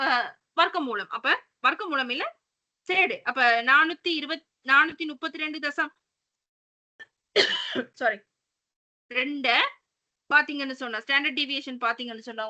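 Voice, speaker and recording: Bright high-voiced woman teaching maths. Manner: patient, step-by-step, mixes English terms. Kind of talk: online class explanation.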